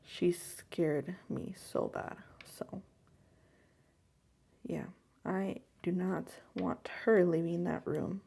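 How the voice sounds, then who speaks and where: A young woman chatting casually while decorating a planner, rambling on and sometimes dropping to a hush. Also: fairly low pitch, fairly even intonation, slow, gravelly, slightly rough. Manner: chatty, rambling, soft and hushed at times. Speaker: planner vlogger. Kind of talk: casual chat over plan-with-me crafting. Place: home room.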